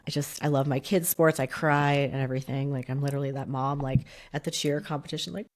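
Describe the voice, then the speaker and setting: A middle-aged woman co-hosting a podcast in casual chat, a little nasal and raspy from a cold, chatty and prone to wandering off on tangents. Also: rumbling low, little pitch movement, fast. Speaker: podcast co-host.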